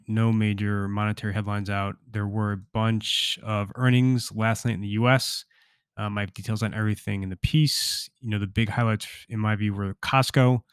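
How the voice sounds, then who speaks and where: A man hosting a morning financial briefing, delivering market news in short, rapid updates with an informal, off-the-cuff feel. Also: fairly low pitch, clear, resonant tone, dry recording, studio quality. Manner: informal, off-the-cuff with hedging asides. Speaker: podcast host, market commentator.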